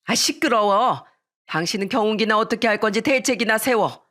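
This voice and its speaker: A woman's voice: fairly high pitch, brisk, a bit bright, lightly acted. A woman voicing a domineering older mother-in-law in a storytelling narration, curt and scolding.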